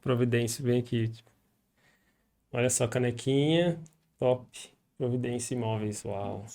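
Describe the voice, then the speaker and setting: Brazilian male host, São Paulo accent, gravelly voice, relaxed reflective delivery. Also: medium pitch, a little slow. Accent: Brazilian Portuguese, São Paulo area. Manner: relaxed, reflective, thinks aloud with fillers. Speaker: podcast host. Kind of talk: conversational podcast interview.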